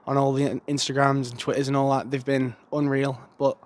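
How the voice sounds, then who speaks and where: A young adult footballer speaks into a handheld mic outdoors in a stadium stand, giving a casual, plain-spoken, earnest post-match interview. His voice is mid-range with little pitch movement, and he talks briskly.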